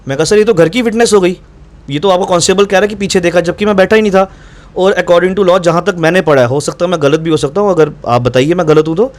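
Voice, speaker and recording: A man telling a reporter about his run-in with police, insistent and acting out both sides of the exchange. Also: on the high side. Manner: fast, insistent, reenacts dialogue. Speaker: doctor recounting incident to reporter. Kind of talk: animated first-person account.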